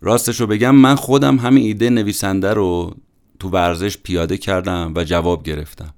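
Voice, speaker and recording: A man with a low, gravelly voice gives a book summary in a relaxed, chatty podcast manner. He speaks conversationally, with colloquial asides. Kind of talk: casual book-summary narration.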